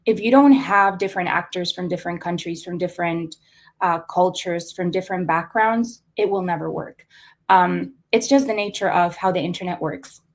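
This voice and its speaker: Soft-spoken Costa Rican woman, thoughtful. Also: on the low side, moderate pace. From Costa Rica. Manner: thoughtful, many fillers and restarts. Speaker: artist guest. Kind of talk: conversational interview.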